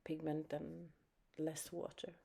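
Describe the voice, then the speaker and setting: Speaking slowly in a low, husky, creaky voice with a level tone, this Swedish art teacher gives an off-the-cuff watercolor lesson in English. She comes from Sweden, has a Swedish accent, and talks quietly to herself with fillers as she works.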